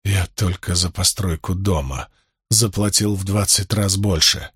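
A man's voice: sits low, fairly even intonation, measured pace, fairly bright tone, husky, no room sound, studio quality, pitched below the performer's own voice, heavily acted. A man voicing a desperate, ruined middle-aged shopkeeper in an audiobook, in a strained, pleading voice. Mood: defeated. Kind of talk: audiobook character voice.

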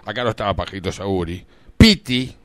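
A man with an Argentine accent hosting a radio show, telling comic made-up stories of the day's anniversaries and slipping into quick voices for the people in them. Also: lowish voice. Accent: Argentine Spanish. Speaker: radio host.

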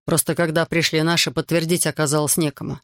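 A man's voice: fairly high pitch, level tone, fast, a bit bright, dry recording, clean studio sound. A man voicing a proud, hot-tempered officer who argues insistently. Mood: earnest.

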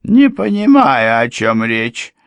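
A man reading an audiobook and voicing a frightened middle-aged woman housekeeper with a high, shrill, tearful voice. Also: big pitch swings, unhurried, creaky, no echo, exaggerated voice. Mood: defensive.

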